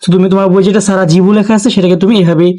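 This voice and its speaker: A man's voice: high-pitched, little pitch movement, racing, mellow. A young man teaching students as he works through exam questions, explaining step by step, speaking to them directly and mixing in English words. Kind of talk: exam question solving lesson.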